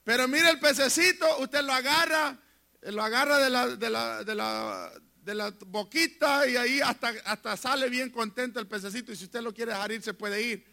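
A male pastor preaching a fervent sermon from a church pulpit, moving between hushed asides and shouted lines. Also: very high-pitched, moderate pace, creaky.

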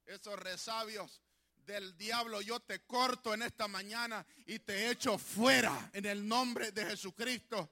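A middle-aged man pastor preaching a fiery sermon that swells into shouted declarations. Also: high voice, fairly even intonation, unhurried.

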